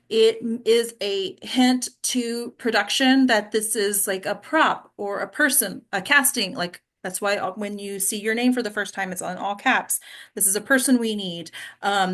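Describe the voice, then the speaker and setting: An acting teacher chats informally with her small group, her medium-pitched voice slightly bright. She hosts the class in a conversational way, often asking quick questions like "right?" to check in.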